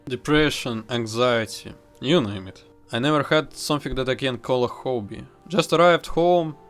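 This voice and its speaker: A man, reading an earnest, heartfelt personal vlog script. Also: medium pitch. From Kazakhstan. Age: 20s. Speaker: vlogger.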